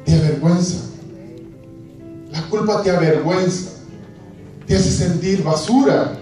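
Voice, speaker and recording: A man's voice: sits high, unhurried, mellow, soft background music. A man preaching a sermon to a congregation, asking questions and acting out scripture scenes. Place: church hall. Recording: echoey church hall from far off.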